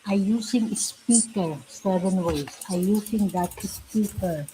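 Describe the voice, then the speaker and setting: A woman chatting casually in halting, non-fluent English, often repeating herself. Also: medium pitch, dark tone, low-quality recording. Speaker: live stream host. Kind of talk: casual chat. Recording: faint background noise.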